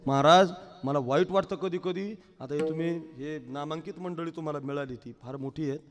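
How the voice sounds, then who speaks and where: A man giving a devotional sermon, telling stories in a shifting voice from quiet asides to loud calls and breaking into slow song. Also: a little high. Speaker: kirtan preacher. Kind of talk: devotional sermon with sung verses. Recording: long hall reverb, faint music.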